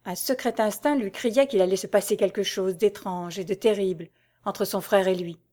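A woman narrating a dramatic novel as an audiobook, with steady delivery. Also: mid-range voice, moderate pace.

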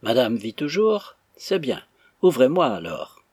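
A man voicing a boisterous, impatient male stranger who talks loudly and theatrically. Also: mid-range voice, very animated, unhurried, slightly rough, dry recording, clean studio sound. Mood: swaggering. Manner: loud, mocking, theatrical.

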